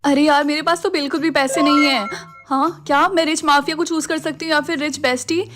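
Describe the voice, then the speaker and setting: Chatty young woman, high voice. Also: steady tone, fairly quick, a bit bright, faint music behind. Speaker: comedy skit actor. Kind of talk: comedy skit acting.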